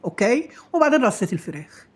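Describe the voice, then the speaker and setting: Middle-aged Egyptian woman, home-cooking vlog host, husky, rapid and playful patter. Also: fairly high pitch, very animated, darkish tone. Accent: Egyptian Arabic. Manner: chatty, self-praising and playful, trailing off with fillers. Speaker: home cook and channel host. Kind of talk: casual cooking chat to followers.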